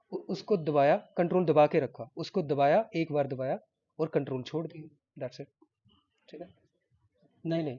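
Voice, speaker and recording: A man teaches a coding class in a loose, chatty way, repeating points and checking in with students. His voice is mellow and slightly husky and sits a little high. The recording sounds dull and lo-fi. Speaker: programming teacher. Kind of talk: live coding lecture.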